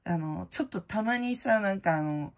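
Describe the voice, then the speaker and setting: A middle-aged woman hosting her own channel, chatting casually in a blunt, slangy way full of fillers, and loud-voiced by her own account. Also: medium pitch, lively intonation, normal speed. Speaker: prize-winning vlogger host. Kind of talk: casual chat.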